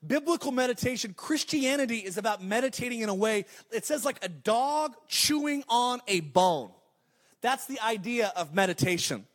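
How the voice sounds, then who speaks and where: Thirtysomething guy preaching a sermon, high voice, pumps up the crowd with repeated lines. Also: moderate pace. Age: 30s. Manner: energetic preaching with rising declarations and asides. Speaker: pastor.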